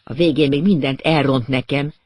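A man voicing a rough man who hisses threats from the side of his mouth. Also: mid-range voice, steady tone, no room sound, lightly acted. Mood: hissing, rough.

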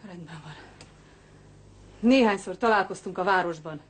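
A woman's voice: lowish voice, natural voice. An actress dubbing the dead man's sister in a film, a suspected woman speaking defiantly and with agitation. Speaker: dubbing actor. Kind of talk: dubbed film acting.

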